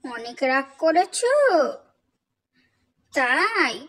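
A woman's voice: high voice, sing-song, very slow, fairly bright tone. A young mother teasing and coaxing her baby in playful, sing-song baby talk.

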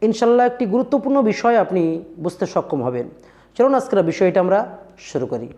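A man's voice: high-pitched, sing-song, fast, warm tone. A man teaching the pronunciation of Arabic letters, addressing viewers as dear friends and drilling each sound over and over. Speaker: Quran recitation teacher.

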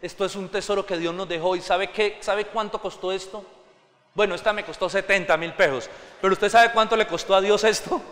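Preaching at a fairly quick pace with a steady tone, a male pastor fills an echoing church hall with his high, bright, ringing voice. His sermon is passionate and rises to fervent climaxes, with everyday scenes acted out along the way.

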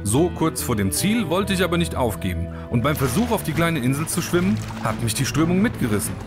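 A man's voice: on the high side, sing-song, a little fast, over music. A man doing a small female snake. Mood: chatty.

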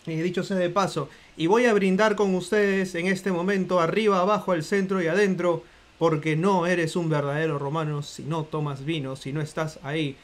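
A man's voice: fairly high pitch, fairly even intonation, moderate pace, hardly any pauses. A man with a Peruvian accent hosting a live book stream, talking to his viewers in a playful, theatrical way. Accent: Peruvian Spanish. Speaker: host of a live book podcast. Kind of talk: live-stream casual chat.

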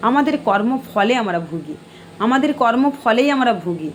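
Middle-aged woman, live-stream host, admonishing and sermonizing, slightly high pitch, faint noise behind. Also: animated, normal speed. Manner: preachy, admonishing. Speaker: live-stream host answering viewer comments. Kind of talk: casual live-stream chat.

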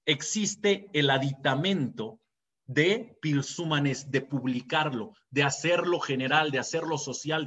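Earnest Mexican rabbi preaching, higher voice. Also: male voice, fairly bright tone, breathy edge. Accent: Mexican Spanish. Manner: earnest and storytelling, with dramatic raised quotes. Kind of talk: sermon. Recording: dull lo-fi recording.

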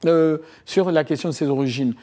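A middle-aged man from Côte d'Ivoire, a historian, giving long answers in a TV interview, often pausing with fillers and repeating phrases. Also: a little high, mellow. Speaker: historian and author guest. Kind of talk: TV interview, recounting his research.

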